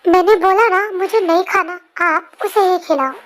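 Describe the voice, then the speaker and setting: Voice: extremely high pitch, fairly even intonation, normal speed, a bit bright. A young performer voicing a jealous, stubborn little boy who whines and sulks in an amateur fan dub. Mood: sulky. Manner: whiny, sulky.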